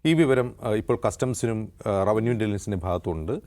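A man with a Kerala accent, acting as news anchor and panelist on a news discussion show, explains current affairs in detail. His voice is on the low side and somewhat dark in tone, and he talks fast.

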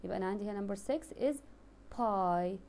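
A woman's voice: mid-range voice, darkish tone, a little hiss or hum. A woman teaching a children's phonics lesson, spelling words letter by letter and explaining in two languages. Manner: slow, deliberate spelling of letters, switching between English and Arabic. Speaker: English teacher.

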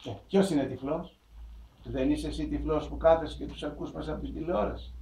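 A man's voice: a little high, gravelly, mellow, recorded from a distance. A middle-aged man preaching a sermon, full of rhetorical questions in a conversational tone. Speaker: bishop preaching. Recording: roomy hall, voice from afar.

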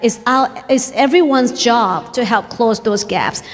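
A woman in her thirties moderates a panel from a conference stage, speaking into a handheld mic. Her voice is fairly high and polite, with a long hall reverb behind it. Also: unhurried. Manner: polite and warm, with um fillers.

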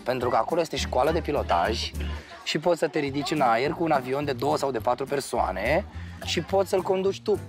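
An enthusiastic man talking on a reality show in a medium-pitched voice. Music plays loudly under him. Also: animated.

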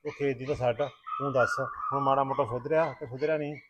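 A man playing an uncle who tries to reason with a drunk relative and calm a family quarrel. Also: medium pitch, quick pace, dull audio, noisy background, lightly acted. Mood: friendly. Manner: reasoning, placating. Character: meddling uncle trying to keep the peace. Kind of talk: village short-film acting.

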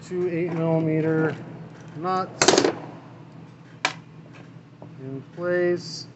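Talking as he works on a repair in his workshop, this small engine mechanic speaks very slowly, his fairly high voice keeping a fairly even intonation. The camera mic records him off-frame in lo-fi quality, with an engine running and shop noise filling the background.

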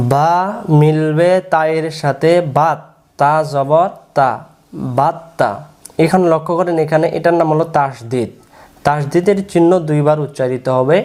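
Slow, patient man teaching Quran letters. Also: on the high side, darkish tone. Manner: slow, drawn-out syllable drills with patient repetition. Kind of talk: slow recitation lesson.

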